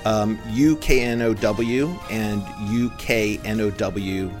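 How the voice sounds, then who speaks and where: A man who runs a company, answering interview questions in a relaxed way with self-deprecating humor. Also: on the low side, slow pace, faint music behind. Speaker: company CEO guest.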